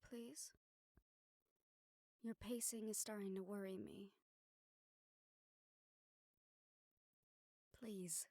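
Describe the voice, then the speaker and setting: A young woman plays a composed, gentle noblewoman calming her anxious dragon bodyguard in an intimate audio roleplay. Her medium-pitched voice has a breathy edge, and her calm, soothing delivery is measured and formally phrased, with deliberate pauses. The recording is close and dry.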